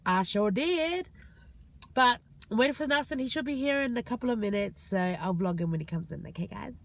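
A young adult woman, vlogging in a parked car, telling anecdotes in a casual, animated way and acting out quotes. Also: a little high, fast, gravelly. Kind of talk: casual vlog storytelling. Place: inside a parked car at night. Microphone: phone at arm's length.

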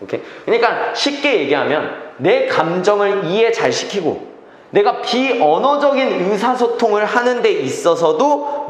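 A man teaching an English reading class, checking in with students and repeating key phrases. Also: high voice. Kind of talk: classroom lecture. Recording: echoey classroom reverb.

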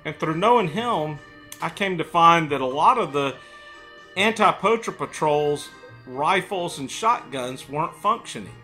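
A middle-aged man spins a casual tale to camera in an indoor room. His voice sits a little high with a bright, forward edge, and he often speaks with a pipe between his lips. Faint music plays behind him. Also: animated, unhurried. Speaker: storyteller. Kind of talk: casual storytelling monologue to camera.

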